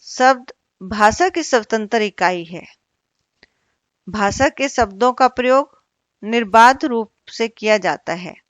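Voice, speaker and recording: A woman teacher giving an online Hindi grammar lesson, repeating each word slowly and asking the class questions. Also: fairly high pitch, lively intonation, dry recording, dull audio.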